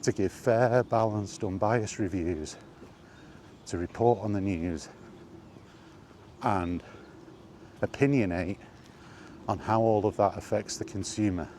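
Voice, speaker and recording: With a fairly low, mellow voice, a gaming video host shares his opinions in an unscripted walking monologue. Ambient noise is noticeable around him as he presses his case emphatically, repeating himself and posing rhetorical questions.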